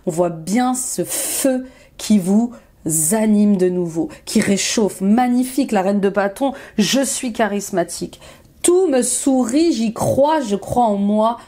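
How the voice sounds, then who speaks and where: A woman's voice: medium pitch, mellow. A woman life coach reading tarot cards for her viewers, encouraging and repeating affirmations, with frequent fillers and bursts of enthusiasm. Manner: enthusiastic, exclaims often.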